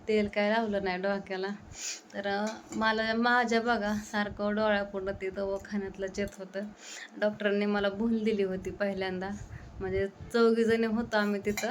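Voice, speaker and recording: A young woman chats at home, worn out and short of breath. Her voice stays flat and even, with little rise or fall. A faint household hum sits behind her. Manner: tired, breathless, low-key storytelling. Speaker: vlogger. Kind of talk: casual home vlog chat. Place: home kitchen.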